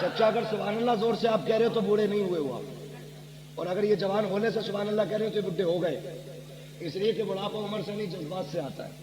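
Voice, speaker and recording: A man's voice: sits high, fast talker, noisy background. A male Islamic preacher giving a sermon at a gathering, exhorting the crowd and chanting a genealogy in a raised, sing-song cadence. He says he is tired. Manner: exhorting, urging the crowd to respond loudly. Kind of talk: sermon at an outdoor religious gathering. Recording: echoey public address with crowd.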